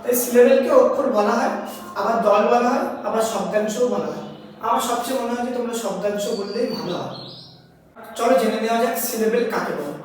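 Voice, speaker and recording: An English grammar teacher with a Bengali accent gives a classroom lesson, explaining step by step, questioning her students, and sounding out words syllable by syllable. Her voice is fairly high, fairly quick, and a little mellow, heard from a distance in an echoey hall.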